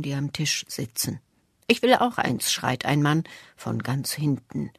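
An adult reader giving a measured first-person storybook narration. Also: mid-range voice, breathy edge, no echo, clean studio sound. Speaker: audiobook reader.

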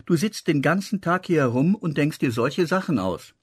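A man voicing the woman of the house, who is sharp-tongued and protective, in an audiobook. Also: fairly high pitch, lively intonation, slightly rough, voice pushed up. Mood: scolding. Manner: indignant, quick to defend.

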